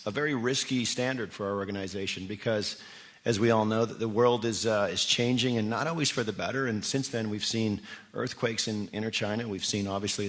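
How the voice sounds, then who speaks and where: A man with a voice on the low side is an executive guest on a live radio interview. He tells stories conversationally, sounding enthusiastic and persuasive, and poses rhetorical questions to listeners.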